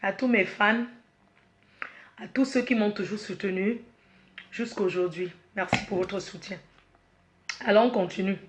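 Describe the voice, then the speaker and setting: A woman, the head of her company, presenting a product launch slowly, repeating herself, restarting, and apologizing while she is emotional and choked up. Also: mid-range voice. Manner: slow, repetitive, with frequent restarts and apologies.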